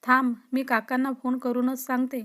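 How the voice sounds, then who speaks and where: A shy young college woman, read by a woman narrator answers defensively and scolds lightly. The voice is high and stays level, told as a storybook reading. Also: monotone, normal speed, a bit bright. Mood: flustered.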